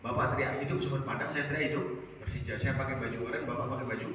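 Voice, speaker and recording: A man from Jakarta giving a dawn sermon in a small prayer house, asking the congregation questions and answering them himself, rising loud on key words and dropping low at line ends. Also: fairly even intonation, rapid-fire. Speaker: preacher. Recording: echoey, distant, dull sound with faint noise.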